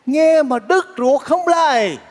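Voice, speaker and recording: A soft-spoken sweet neighbor dude, really high voice, echoey theater with a bit of music behind. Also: male voice, lively intonation, takes it slowly, full character voice. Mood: earnest. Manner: soft, coaxing, earnest. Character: kind-hearted bachelor neighbor man, gentle and pleading. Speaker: comedy stage actor. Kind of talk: stage comedy acting. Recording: reverberant theater stage, faint music.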